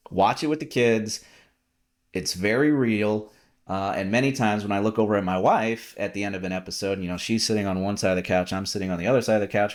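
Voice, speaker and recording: Man, podcast host, lowish voice, casual rambling chat, lots of fillers and restarts. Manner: rambling, with many fillers and repeated words; relaxed and talkative.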